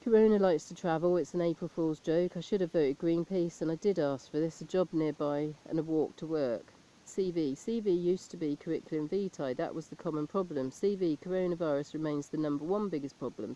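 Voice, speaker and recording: Deadpan woman with a mellow voice. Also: low voice, a little fast, low-quality recording. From abroad, not England. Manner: deadpan list-making delivery. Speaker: stand-up comedian. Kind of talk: deadpan comic monologue.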